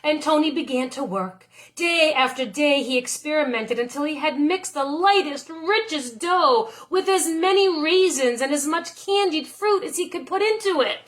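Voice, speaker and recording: A woman teacher with a high voice reads a picture book aloud, narrating expressively with deliberate, drawn-out phrases.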